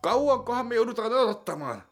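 A man voicing a nervous, fussy, simple-minded male sidekick with a high, strained, whiny voice. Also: very animated, full character voice. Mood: fretful.

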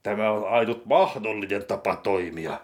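A man voicing a calm, scheming gang boss in a comedy sketch, speaking slowly with flat menace. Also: close to an everyday voice. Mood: deadpan. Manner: low, slow, flatly menacing. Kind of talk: comedy sketch role-play.

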